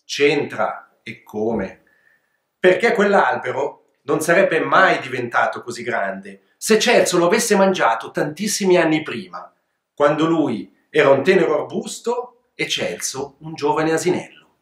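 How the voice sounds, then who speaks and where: A man reading his own children's book aloud as an expressive, playful storyteller. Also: on the high side, a little slow. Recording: echoey room.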